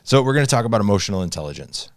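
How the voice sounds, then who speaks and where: A man hosting a podcast conversation, eager and energetic, often restarting his sentences as he leads into a topic. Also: on the low side, racing, no echo, studio quality. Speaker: podcast host.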